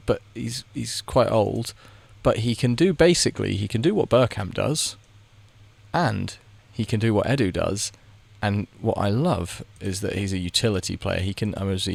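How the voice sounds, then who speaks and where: A gaming video creator with a low, gravelly voice gives casual commentary as he plays, thinking aloud and muttering reactions to the screen. His talk rambles, and he often stops to restart a sentence. The audio has no room sound.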